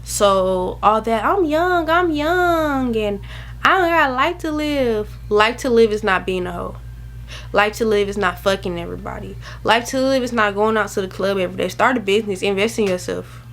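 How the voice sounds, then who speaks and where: Speaking at a normal speed, a female vlogger in her early twenties has a mid-range, fairly bright voice captured by her camera mic. She talks right to the camera, rambling and emphatic, dishing out casual advice loaded with slang.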